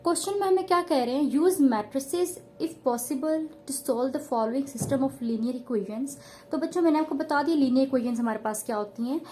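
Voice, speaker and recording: A woman's voice: high-pitched, normal speed, warm tone, roomy sound, a little hiss or hum. A woman math teacher explaining a lesson step by step, patiently repeating each point and addressing her pupils.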